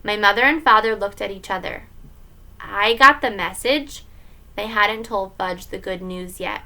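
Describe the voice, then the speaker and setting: A woman reading a children's book aloud in an expressive way. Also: medium pitch, unhurried, slight background noise. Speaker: story reader.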